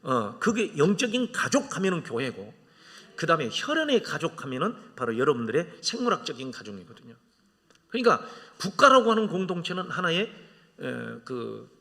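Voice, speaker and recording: A man's voice: fairly high pitch, sing-song, a little fast, vocal fry, bright, forceful tone. A man in his fifties preaching a sermon as a guest preacher, telling jokes and stories. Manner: joking, storytelling preacher. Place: church sanctuary. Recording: reverberant church hall.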